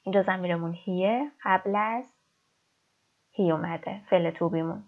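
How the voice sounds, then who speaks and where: A woman teaching English in a recorded lesson, explaining step by step and reading example sentences slowly. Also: lowish voice. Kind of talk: recorded online language lesson. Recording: dull lo-fi recording.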